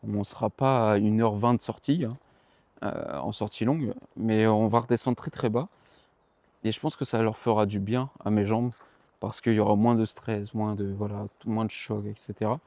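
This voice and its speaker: Tired rambling young man, mellow voice. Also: lowish voice, fairly even intonation, normal speed, no echo. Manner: rambling, self-correcting, slangy. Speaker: running vlogger. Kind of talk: casual vlog chat to the viewer. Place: outdoors.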